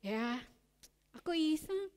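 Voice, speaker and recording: A woman's voice: sits high, lively intonation, takes it slowly, darkish tone. Woman doing a cheeky shepherd boy. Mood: smug teasing. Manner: smug teasing, then screaming for help. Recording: long reverb in a big room.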